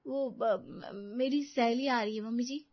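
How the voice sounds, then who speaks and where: A woman's voice: fairly high pitch, unhurried, dry recording, voice pushed up. A woman voicing a put-upon young daughter-in-law who grumbles in an exasperated way. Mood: grumbling. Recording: slightly dull, dry close recording.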